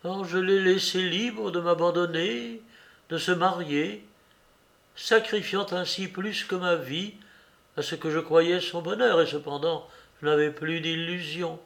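A man's voice: fairly even intonation, unhurried, gravelly, a bit bright, full character voice. Man voicing a desperate, impassioned young woman. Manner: impassioned, pleading, raised pitch. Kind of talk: audiobook character reading.

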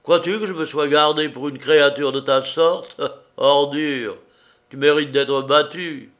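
An awkward young man from a read-aloud novel, played by the male narrator, stumbling over his words and then hurling loud insults. The voice is pushed higher and louder than the narration, still slow in delivery. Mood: raging. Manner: stammering, then shouting insults. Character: awkward young man, self-righteous and quick to rage.

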